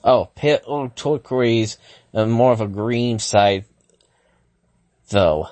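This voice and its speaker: A man reads fan fiction aloud at a slow, halting pace, often tripping over words and starting lines again. Now and then he breaks off to react to what he is reading. His voice sits in a middle register, recorded dry and close. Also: mid-range voice, darkish tone, dry recording. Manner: stumbling, frequent self-corrections and restarts; thinks aloud, stops to react to the text. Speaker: fanfiction reader.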